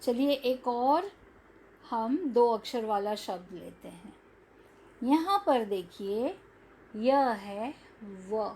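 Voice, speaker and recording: Woman teacher talking real slow to little kids, a bit high. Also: expressive, mellow, slight background noise. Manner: slow, drawn-out syllables for young children. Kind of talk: children's language lesson.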